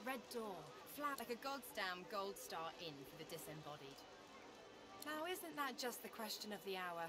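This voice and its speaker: Hesitant game character, stammers, slow unhurried lines over game music. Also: female voice, medium pitch, sing-song. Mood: nervous. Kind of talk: voiced video game dialogue.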